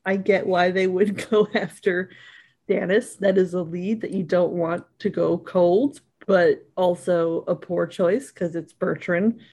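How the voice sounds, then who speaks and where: A woman co-hosting a podcast, chatting casually about a tabletop game show and acting out the players in high voices. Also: steady tone, unhurried, a little mellow. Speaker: podcast co-host. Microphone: podcast mic.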